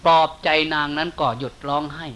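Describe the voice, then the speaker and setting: A monk preaching a sermon with an Isan Thai accent, telling a folk story in folksy speech and softening his voice for quoted lines. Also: fairly high pitch, fairly even intonation, a little fast. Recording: faint hiss.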